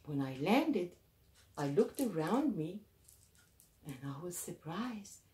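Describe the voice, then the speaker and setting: A woman telling a children's folk tale with a lively, swooping voice. She narrates expressively, recorded in a roomy space a little away from the mic. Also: on the low side, slow pace, distant mic. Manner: animated, expressive. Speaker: storyteller. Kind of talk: oral storytelling for children.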